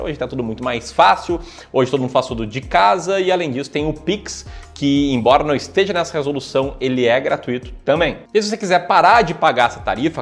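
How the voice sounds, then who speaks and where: A Brazilian man with a mid-range voice presents an explainer directly to the viewer. He addresses people emphatically, a bit like a showman, and drops in colloquial asides. Music plays behind his voice. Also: mid-range voice. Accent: Brazilian Portuguese. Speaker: video host, professional investment manager.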